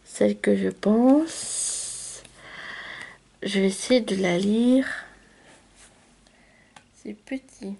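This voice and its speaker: Woman opening card packs on her channel, chatty, talks to viewers, slow and unhurried. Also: mid-range voice, gravelly, warm tone, breathy edge. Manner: chatty and unscripted, addresses viewers directly. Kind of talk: casual card-opening vlog.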